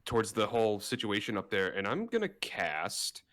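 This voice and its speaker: A man's voice: lowish voice, wildly swooping pitch, moderate pace, fairly bright tone. A young man playing a tabletop game, casual and playful. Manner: playful, loose. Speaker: player.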